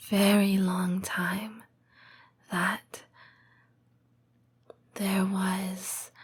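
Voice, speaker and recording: A woman plays a tender, patient lamia girlfriend in a scripted intimate comfort roleplay monologue, her medium-pitched voice breathy, whispering, and heavily acted. She speaks slowly in measured, formal phrases with deliberate pauses.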